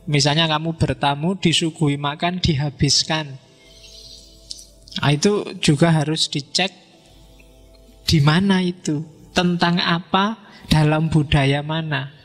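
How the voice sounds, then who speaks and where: Man lecturing in an echoing hall. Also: on the high side. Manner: relaxed, joking, asks the audience questions. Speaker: philosophy lecturer. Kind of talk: informal philosophy lecture. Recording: reverberant hall with faint music.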